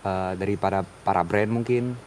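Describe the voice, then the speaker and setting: A man, a guest in a casual interview, speaking reflectively and pausing often to search for words. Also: lowish voice, fairly even intonation, a little mellow, a little hiss or hum, rough recording. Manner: reflective, hesitant with many fillers.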